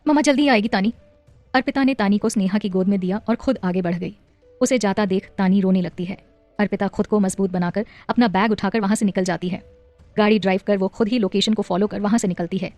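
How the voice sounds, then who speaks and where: Woman reading an emotional family story, steady and middle pitched, soft music behind. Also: quick pace, no room sound. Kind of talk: scripted audio story narration.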